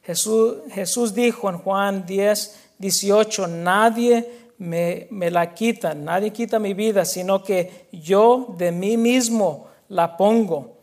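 A man preaching a sermon as pastor, switching between Spanish and English and building to loud, emphatic declarations. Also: sits high, slow pace.

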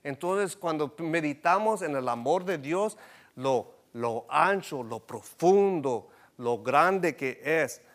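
A man's voice: fairly high pitch, slow. A man preaching a bilingual sermon, often asking his congregation questions and rising to emphatic bursts. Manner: switches between Spanish and English, asks the congregation questions; rises to emphatic, animated bursts. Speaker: pastor.

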